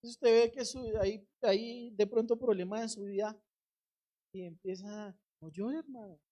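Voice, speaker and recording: A woman's voice: medium pitch, steady tone, a little slow, dark tone. A middle-aged woman preaching a sermon, urging the congregation directly and acting out quoted voices.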